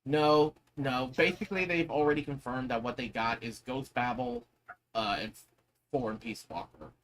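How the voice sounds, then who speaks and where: A man's voice: medium pitch, moderate pace, fairly bright tone, a little hiss or hum, low-quality recording. A man giving casual, opinionated commentary while gaming, speaking emphatically and swearing freely. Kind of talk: casual chat over gameplay.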